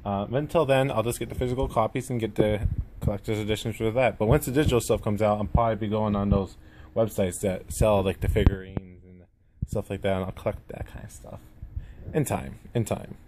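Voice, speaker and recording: A man's voice: lowish voice, fairly even intonation. A man with a lisp that draws out his S sounds and slurs slightly, giving a rambling, self-effacing, casual gaming vlog to camera at home. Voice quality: lisp with drawn-out, slurred S sounds. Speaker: gaming YouTuber introducing himself. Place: indoors at home. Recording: noticeable room noise.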